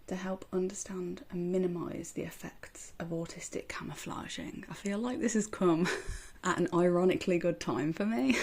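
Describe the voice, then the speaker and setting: An excitable woman gushing as she unboxes books, captured on a phone voice recorder app. Her voice sits a little low, with a gravelly, husky edge. She talks in a casual vlog style. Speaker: book vlogger. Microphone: phone voice recorder used as microphone.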